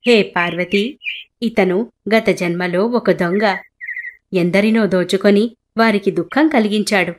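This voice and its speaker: Woman voicing Shiva, calm solemn male god. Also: medium pitch, close to an everyday voice. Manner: measured, solemn.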